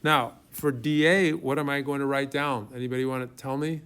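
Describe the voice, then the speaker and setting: A man's voice: mid-range voice, steady tone, fairly quick, fairly bright tone, clean tone. Male math professor lecturing informally. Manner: informal, thinks aloud while writing, checks in with students. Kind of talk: classroom lecture, working through problems aloud.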